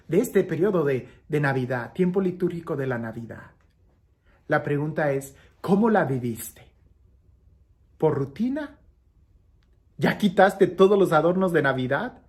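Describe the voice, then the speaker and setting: Expressive priest preaching a homily. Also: male voice, a little high. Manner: expressive, swings from lively raised passages to soft hushed ones; repeats phrases for emphasis. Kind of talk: daily gospel homily.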